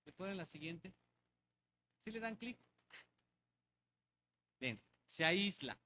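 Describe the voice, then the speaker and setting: A man's voice: sits high, expressive, slow, bright, forceful tone, a little hiss or hum. A man preaching a conversational sermon in a church, repeating phrases and checking in with the congregation. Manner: conversational, asks the congregation for agreement. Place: church hall.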